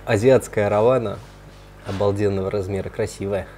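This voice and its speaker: This is the host of an aquarium video series chatting through a casual tour indoors, in a room lined with big aquariums. His voice is lowish and mellow with a steady tone at normal speed, and his slangy, enthusiastic delivery sits over noticeable background noise and faint music.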